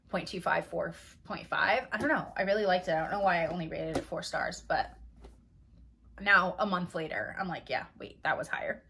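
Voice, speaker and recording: A woman's voice: on the low side, bright, forceful tone, a little hiss or hum. A young adult woman chatting casually about books she read, rambling and full of fillers. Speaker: book vlogger. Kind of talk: casual reading wrap-up chat.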